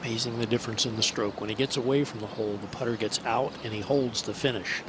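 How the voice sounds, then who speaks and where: Male golf analyst with loud outdoor background. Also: mid-range voice, fairly even intonation, fast, background noise. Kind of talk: conversational golf analysis commentary. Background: loud outdoor ambience.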